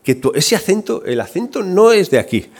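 A man's voice: high-pitched, sing-song, a little fast, a little mellow, slightly rough, pitched above the performer's own voice, exaggerated voice. A man voicing blunt village men at a tavern, matter-of-fact as they point out he isn't local.

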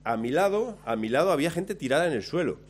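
A man telling a lively, self-mocking story about himself, acting out his own lines along the way. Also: a little high, quick pace, breathy edge. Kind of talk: anecdote told to listeners.

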